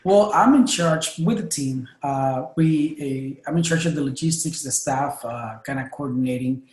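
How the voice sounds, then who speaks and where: A man's voice: medium pitch, normal speed, darkish tone. A man in his thirties from Honduras with a Honduran Spanish accent, a native Spanish speaker, talking as a guest in a friendly, hesitant way. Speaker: guest, music school director. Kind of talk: casual interview. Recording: echoey room.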